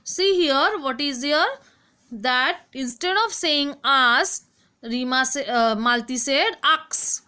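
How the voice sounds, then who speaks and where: Slow, high-voiced woman teaching English. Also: lively intonation, sharp tone. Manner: repeats and explains word meanings. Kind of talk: explaining a lesson.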